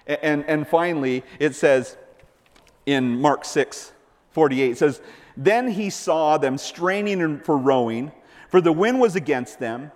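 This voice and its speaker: A man preaching a sermon, lively and playful, acting out the voices of the people in the story. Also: mid-range voice. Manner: animated, playful, acts out voices of Bible figures. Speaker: pastor. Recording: long hall reverb.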